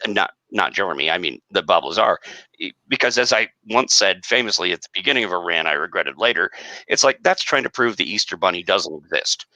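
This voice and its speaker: A man talking on a casual live-stream panel in an animated, emphatic way, with some self-deprecating humour. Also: deep voice, fairly quick, no room sound, low-quality recording. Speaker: panel guest.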